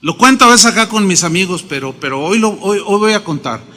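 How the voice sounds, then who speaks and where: Middle-aged male pastor, high forceful voice, emphatic storytelling sermon, reverberant hall. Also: lively intonation, a little fast. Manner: emphatic, storytelling with acted quotes.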